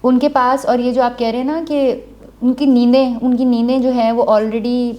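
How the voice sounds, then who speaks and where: This woman from Kashmir speaks in a notably high voice. As a talk show guest, she spins chatty, anecdotal stories in a casual, conversational flow. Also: flat delivery, lo-fi sound. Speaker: guest, former drama maker.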